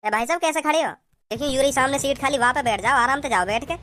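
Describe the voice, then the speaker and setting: A woman's voice: sits high, fast talker, a bit bright, a little hiss or hum. A woman playing a fussy, chatty village man who keeps pressing a fellow passenger in a comedy sketch. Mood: pushy. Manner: insistent, nagging.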